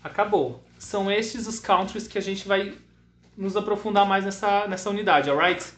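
A man from Brazil, teaching English to children and repeating each word slowly for them to echo. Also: sits high, fairly bright tone. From southern Brazil. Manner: slow repeated English words for pupils to echo. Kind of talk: bilingual online class for children.

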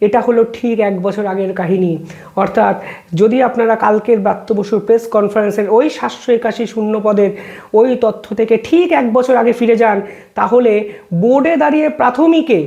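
A man giving political news commentary in a pointed, questioning way, reading out court documents slowly and then explaining them. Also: very high-pitched, a little mellow, lo-fi sound.

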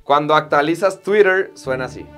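A man's voice: fairly high pitch, normal speed, a bit bright, faint music behind. A young man with a Mexican Spanish accent hosting a sound-guessing quiz among friends, teasing the players and announcing results with gusto. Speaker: quiz host. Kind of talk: playful game-show hosting.

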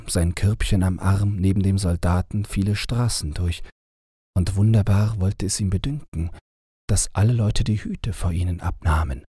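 A man narrating a fairy tale audiobook in a calm, even, unhurried reading style. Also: low-pitched, breathy edge, no echo, clean studio sound.

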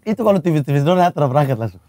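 A man telling a story in casual group chat, animated and quick, with frequent restarts. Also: fairly high pitch, dry recording. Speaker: podcast co-host telling a story.

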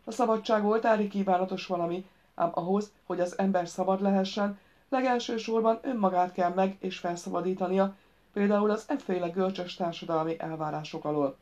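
A woman voicing a patient, wry woman of thirty in an audiobook, calm and explaining. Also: medium pitch, muffled recording, lightly acted.

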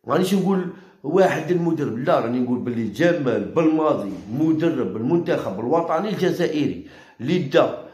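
A man with an Algerian Arabic accent hosting a football channel, ranting heatedly and mockingly, repeating himself and jumping high in pitch when worked up. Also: expressive, quick pace, a little mellow, roomy sound. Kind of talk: heated opinion rant.

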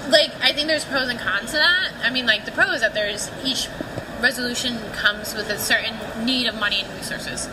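Woman, fairly high voice, casual with lots of fillers, recorded on location over clear background noise. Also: moderate pace. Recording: noisy field recording.

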